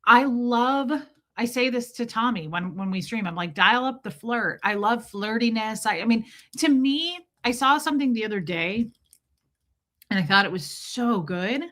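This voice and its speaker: This livestream host talks to viewers in a candid, casual way, her American Midwestern accent clear. Her tone is fairly bright and her pace moderate, yet her voice sits lower than normal because she hasn't slept enough.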